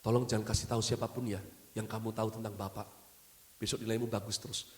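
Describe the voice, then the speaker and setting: A nervous male teacher pleads in a hushed, low whisper, as a preacher acts him out. The voice sits well below the speaker's usual pitch. A long church hall reverb trails each phrase. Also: flat delivery, quick pace, natural voice. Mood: pleading.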